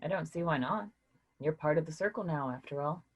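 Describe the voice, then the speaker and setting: A woman voices a weary, caring literature professor for a staged reading, her tone low and husky. She sounds cautious and measured, hesitating now and then while offering reassurance.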